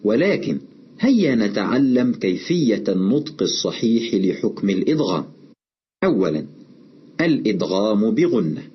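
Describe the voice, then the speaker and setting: A man with a husky, slightly breathy voice gives a scripted lesson at a measured, explanatory pace. The recording is dull and lo-fi, like a simple voice-over. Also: on the low side. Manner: measured, explanatory, slows to recite examples. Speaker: Quran recitation teacher. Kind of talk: scripted instructional narration.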